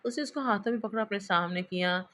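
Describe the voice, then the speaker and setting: A woman reading a romance novel aloud at a steady pace. Her voice sits at an ordinary middle pitch, and her delivery stays even through the narration. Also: fast talker. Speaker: novel reader. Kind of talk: storybook narration.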